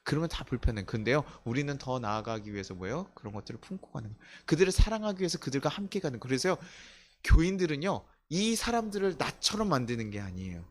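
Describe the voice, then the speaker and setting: A middle-aged man preaching a sermon in a church, talking in a conversational way, asking his listeners questions and acting out the voices of the people he quotes. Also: medium pitch. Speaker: pastor. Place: church sanctuary.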